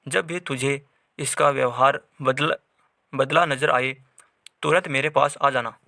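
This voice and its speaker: A man's voice: medium pitch, fairly even intonation, measured pace, vocal fry, sharp tone, no echo. Older male exorcist, authoritative, narrator plays him, dry read. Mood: commanding. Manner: commanding.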